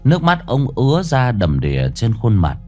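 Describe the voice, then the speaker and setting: A man's voice: mid-range voice, wildly swooping pitch, moderate pace, warm tone. A man narrating a rural ghost story in a grave, dramatic manner, with faint music behind. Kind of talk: scripted horror narration.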